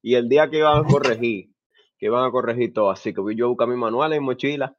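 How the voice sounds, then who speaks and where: Young man, Dominican accent, middle pitch, casual storytelling, slangy and profane, dull recording. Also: fast talker. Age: young adult. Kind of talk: casual chat with friends, telling anecdotes.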